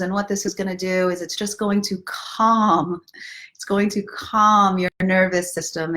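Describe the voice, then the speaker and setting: This woman speaks at a medium pitch with a fairly bright tone. Acting as a self-love coach, she runs a laid-back live story time, addressing viewers directly with playful encouragement while chatting, leading breathing exercises, and reading aloud from a book.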